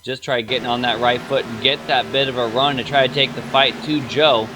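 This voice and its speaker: A male color commentator with a mid-range voice, measured and analytical in his breakdowns. Steady background noise sits clearly under his voice. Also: mid-range voice. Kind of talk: sim racing color commentary.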